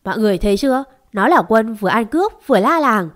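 A woman voicing a spiteful young servant girl who speaks in shrill, accusing tones. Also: expressive, fast talker, close to an everyday voice.

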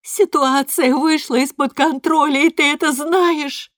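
A woman voicing a distraught mother who pleads in a high, tearful voice during a family argument, read as an audiobook. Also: steady tone, a little slow, fairly bright tone, no echo, studio quality. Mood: hurt.

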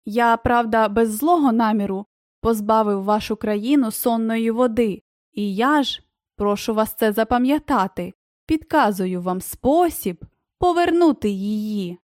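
A sly, scheming heavyset male traitor, put on by a woman narrator in a storybook reading. He speaks in a wheedling, shrill way, his voice pitched on the high side. The sound is dry and close. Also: a little slow, darkish tone, no room sound, natural voice.

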